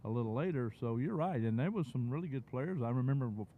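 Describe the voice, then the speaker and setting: An easygoing older man co-hosts a tennis livestream, speaking at an ordinary pitch. The sound is thin and phone-like, with a faint hiss behind it. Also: lively intonation, fast talker. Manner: easygoing, reminiscing. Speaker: sports broadcast co-host. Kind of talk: casual sports broadcast chat. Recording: tinny phone-like audio with faint noise.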